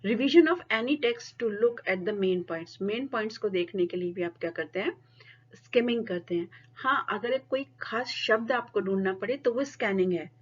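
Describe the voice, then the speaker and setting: Woman, teacher, lecture, Hindi mixed with English, reads definitions slowly, mid pitch, slightly muffled recording. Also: breathy edge. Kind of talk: classroom lecture.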